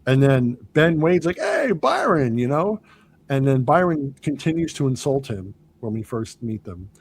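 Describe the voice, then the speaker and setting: A man's voice: mid-range voice, normal speed, husky. Chatty man retelling movie scenes. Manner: animated retelling, quoting movie lines. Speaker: podcast host. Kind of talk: casual film discussion.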